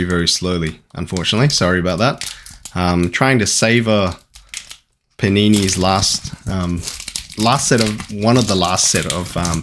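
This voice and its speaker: Australian man, casual unboxing chat, slow and unhurried, rambling, low voice. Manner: rambling, chatty, excited at pulls. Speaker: card collector opening packs.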